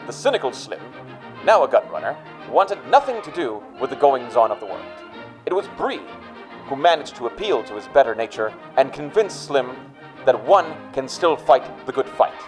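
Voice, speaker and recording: A man reading a measured, dramatic scripted recap as narrator. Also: medium pitch, sing-song, over music, rough recording.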